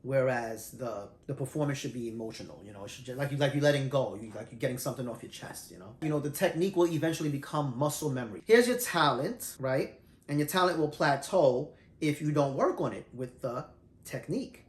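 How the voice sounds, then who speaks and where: A middle-aged man telling his singing story in a loose, animated, conversational way, teaching as he goes. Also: mid-range voice, a little fast. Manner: animated, self-described shy introvert, loose and conversational. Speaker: vlogger sharing singing tips. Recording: roomy echo.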